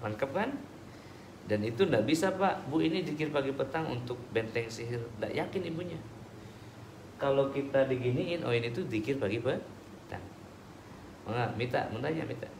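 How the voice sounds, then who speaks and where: A man's voice: mid-range voice, expressive, normal speed, gravelly, long pauses, a little mellow. Male ustaz, chatty Q&A, echoey hall, slight hiss. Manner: conversational, acts out dialogues, checks understanding. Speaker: ustaz answering questions. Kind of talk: religious talk with audience Q&A.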